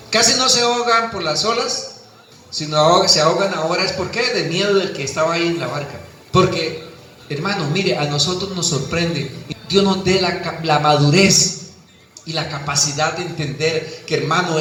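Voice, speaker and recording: A man's voice: high-pitched, bright, forceful tone, roomy sound, slight background noise, poor audio. A man preaching a sermon with fervor, acting out the voices of the people he quotes. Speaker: pastor.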